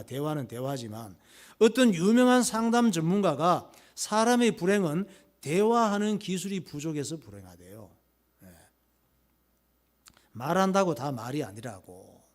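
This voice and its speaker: A man's voice: fairly high pitch, a little mellow. A male pastor preaching conversationally in a church, posing rhetorical questions and acting out everyday dialogue. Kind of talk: sermon.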